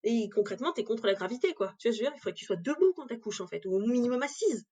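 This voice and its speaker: A woman's voice: fairly high pitch, animated, racing, dark tone, slightly rough. A woman giving a candid personal account in an interview, speaking directly and with emotion. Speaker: interview guest.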